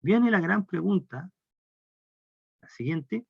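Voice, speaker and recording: A man's voice: sits high, expressive, slow pace, vocal fry, slightly rough, no echo. A man lecturing on calculus with a Chilean Spanish accent, explaining step by step and posing questions to the class. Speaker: math lecturer. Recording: dry, dull lo-fi lecture recording.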